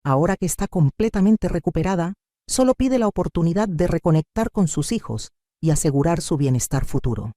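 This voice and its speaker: A woman's voice: lowish voice, big pitch swings, moderate pace, few pauses, warm tone, dry recording, studio quality, pitched above the performer's own voice. An older woman voicing a young male lawyer who pleads in a dramatic courtroom manner. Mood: pleading.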